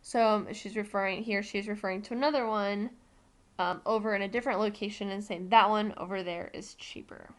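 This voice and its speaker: A woman's voice: mid-range voice, fairly even intonation, a little fast. An American woman Spanish teacher giving a recorded classroom lesson, explaining patiently step by step with frequent ums.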